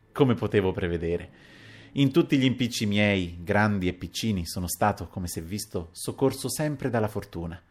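Low-voiced male audiobook narrator. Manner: expressive, moving between hushed narration and raised acted dialogue. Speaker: audiobook reader.

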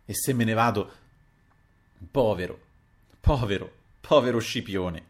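Guy doing a choked-up schemer, stammering and pleading, lowish voice, all broken phrases. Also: a little slow. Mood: distraught. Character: distraught scheming man, weeping, self-pitying.

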